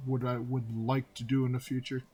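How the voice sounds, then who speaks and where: A man's voice: medium pitch, normal speed, breathy edge, faint music behind. A man in his fifties from Canada, telling personal stories in a casual monologue and acting out both sides of the dialogue. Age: 50s. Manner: animated retelling, acting out dialogue with repeated "and I said".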